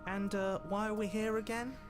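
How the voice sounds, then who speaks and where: A man's voice: high voice, flat delivery, moderate pace, natural voice. A man playing a jittery, flippant inner voice of a video game hero, agitated and quippy over music. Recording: loud game music behind the voice.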